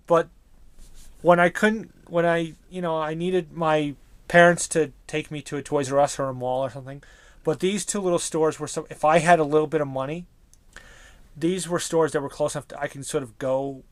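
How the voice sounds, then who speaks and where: A man's voice: a little high, no room sound. A man in his thirties, a toy collector, reminiscing casually in a rambling way with many restarts.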